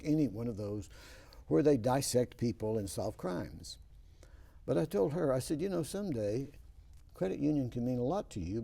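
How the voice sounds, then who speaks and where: A man hosts a studio interview program, spinning folksy stories. His voice is dark and mellow, with gravelly fry and a husky edge. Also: medium pitch. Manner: folksy storytelling. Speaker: host.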